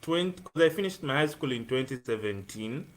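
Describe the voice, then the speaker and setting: A man's voice: medium pitch, expressive, brisk, a bit bright. A man in his twenties from Uganda, a student guest talking earnestly about his life on a live-streamed video call, with frequent ums. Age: 20s. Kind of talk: casual interview on a live stream.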